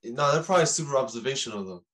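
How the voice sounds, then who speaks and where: A young man hosting a casual podcast chats in a slangy, excitable way at an ordinary middle pitch. He laughs readily at his guest's stories, and racing also comes up.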